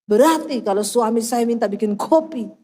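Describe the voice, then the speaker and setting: A middle-aged woman pastor preaching a sermon, telling lively stories with teasing humor. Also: fairly high pitch, normal speed.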